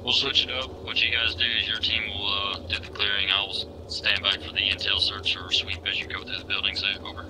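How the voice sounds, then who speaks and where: A man leading a squad in a military game, giving brisk orders in radio procedure over an in-game radio channel. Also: on the low side, flat delivery, background noise.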